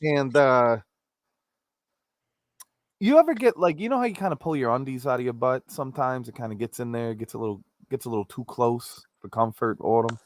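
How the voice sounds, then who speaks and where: A man's voice: mid-range voice, expressive, a little fast. A man hosting a casual comedic live-streamed chat, rambling and joking, with popping p sounds. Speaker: host of a live-streamed talk show. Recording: clicks and pops, faint background noise.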